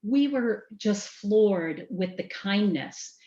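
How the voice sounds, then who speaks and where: A company president with a mild Southern American accent chats casually as an interview guest, speaking loosely, correcting herself, and using fillers. Her mid-range voice is expressive, slow, and dark in tone. The podcast recording sounds dull and roomy.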